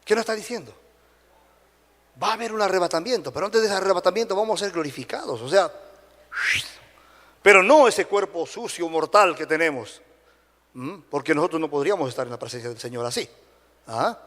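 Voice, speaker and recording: High-voiced Dominican preacher in a reverberant church. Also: male voice, brisk, pauses often. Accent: Dominican Spanish. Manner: animated preaching, frequent tag questions to the congregation. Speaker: pastor. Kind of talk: sermon. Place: church sanctuary. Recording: long hall reverb.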